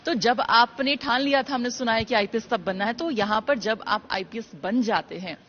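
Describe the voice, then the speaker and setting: A woman's voice: on the high side, normal speed, fairly bright tone, muffled recording, slight background noise. Woman interviewer asking winding questions. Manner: conversational, asks long winding questions.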